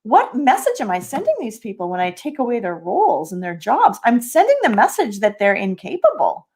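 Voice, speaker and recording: A woman's voice: fairly high pitch, wildly swooping pitch, fairly quick, darkish tone. A middle-aged woman co-hosting a podcast who coaches others, speaking reflectively with self-deprecating humor. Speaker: podcast co-host and business coach. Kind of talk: casual podcast conversation.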